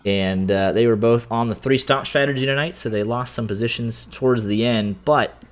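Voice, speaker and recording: A man's voice: mid-range voice, moderate pace. A man broadcasting post-race interviews with sim racing drivers, chatty and full of fillers. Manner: chatty, filler-heavy, stumbles and laughs.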